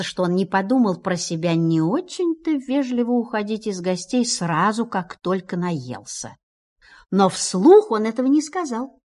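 Woman reading a storybook aloud. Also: on the low side. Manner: expressive, storybook telling.

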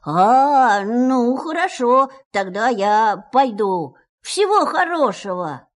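A woman voicing a plump, greedy male teddy bear who stammers and wails in a high voice. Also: sing-song, takes it slowly. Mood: hesitant. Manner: squealing, stammering, pleading.

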